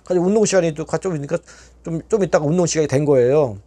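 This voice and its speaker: Middle-aged male storyteller, quick and animated, acts out dialogue, salty language. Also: on the high side. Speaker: YouTube storyteller. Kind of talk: casual storytelling.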